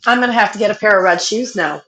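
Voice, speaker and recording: A woman with a squeaky, congested voice from a sinus infection, chatting casually on a livestream. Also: expressive, quick pace, bright, forceful tone, a little hiss or hum, rough recording. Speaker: livestream guest chatting with viewers. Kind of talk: casual chat.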